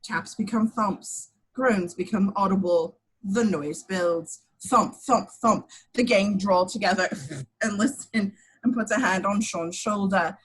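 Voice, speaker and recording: A woman narrates a table read, reading the screenplay's action lines. Her medium-pitched voice is slow and slightly rough, and the home recording is low quality.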